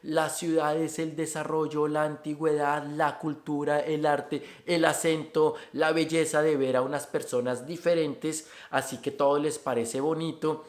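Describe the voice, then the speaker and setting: A man's voice: fairly high pitch, little pitch movement, a little slow, hardly any pauses, roomy sound. A man from Colombia with a Bogotá accent, talking reflectively in a casual opinion video about migrant life. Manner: reflective and conversational, stringing points with "entonces".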